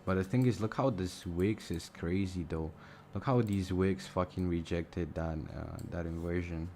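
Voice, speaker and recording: A young man with a Romanian accent chats casually during a live trading stream, thinking out loud and swearing freely. His voice is low and dark, with a steady tone, a moderate pace, and a slight hiss or hum. Music and mouse clicks can be heard behind him.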